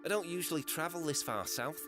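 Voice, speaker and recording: An actor playing a friendly, easy-going travelling musician in a game. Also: male voice, a little high, expressive, brisk, lightly acted. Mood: easygoing. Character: friendly travelling musician man, young adult. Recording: game audio over music.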